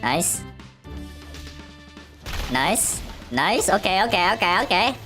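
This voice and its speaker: A man's voice run through a voice changer, turned into a loud, excitable gamer who shouts and repeats the same slang. He puts it on while trolling on a call. The pitch swings widely, with faint music underneath. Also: slow, full character voice. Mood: hyped.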